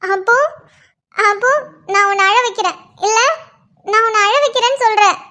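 A woman's voice: very high voice, steady tone, moderate pace, bright, forceful tone. A woman voicing a young cartoon girlfriend who teases and nags, twisting every reply into a complaint. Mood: teasing complaint. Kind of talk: cartoon voice acting.

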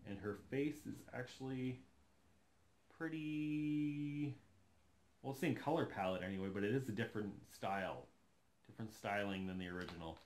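Seated on his living room sofa, a doll collector vlogger in his thirties unboxes a doll and chats casually. His voice is fairly low and moves at a normal speed, and he sounds enthusiastic, thinking aloud as he goes.

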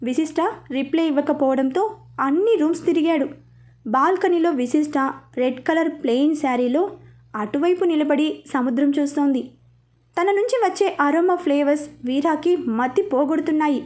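A woman narrating a serialized love story with a high voice. She reads steadily and plainly, moving the tale along between the couple's lines. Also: moderate pace, darkish tone.

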